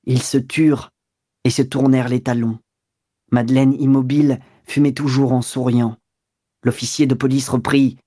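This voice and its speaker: A man narrating a classic novel as an audiobook, measured and even. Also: medium pitch, no echo, studio quality.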